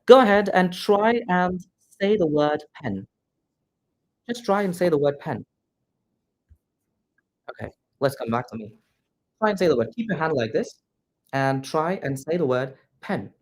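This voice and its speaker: Pausing often at a measured pace, this man speaks in an animated, fairly high voice while instructing a class on English pronunciation. He's an Indian native Malayalam speaker with neutralized English, and he keeps repeating points and addressing everyone as "guys."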